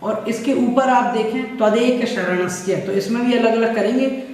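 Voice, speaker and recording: A man teaching a religious text, patiently repeating each word slowly so listeners can practise. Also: very high-pitched, fairly even intonation, a little mellow. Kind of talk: scripture pronunciation lesson. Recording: echoey distant room recording.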